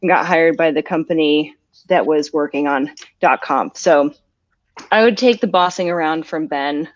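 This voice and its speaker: A woman's voice: sits low, moderate pace, no echo. Giggly woman on a dull video call. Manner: giggly, bubbly. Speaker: guest, event marketing staff. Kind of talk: casual chat. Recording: dull, dry call audio.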